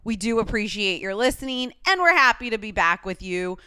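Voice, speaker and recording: A woman co-hosts a casual podcast in a lively voice that swings up and down. She sounds playful and teasing, recorded close in a dry room. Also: mid-range voice, a little fast, clean tone, no room sound. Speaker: podcast co-host. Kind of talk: casual chat.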